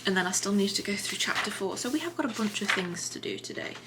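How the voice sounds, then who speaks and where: A woman chatting casually in a writing vlog from her desk at home, relaxed and full of little fillers and restarts. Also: mid-range voice, fast talker, loud music behind the voice. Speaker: writing vlogger.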